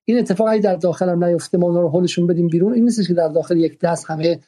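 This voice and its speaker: A man moderates the discussion in a very dark, mellow voice with a husky edge. He talks thoughtfully and hesitantly, pausing often with fillers. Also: sits high. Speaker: host.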